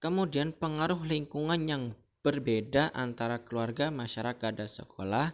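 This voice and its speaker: A man's voice: medium pitch, moderate pace. A man from Central Kalimantan, Indonesia, teaching a lesson in a casual, chatty way and often checking in with the listener. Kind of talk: casual explanatory lecture.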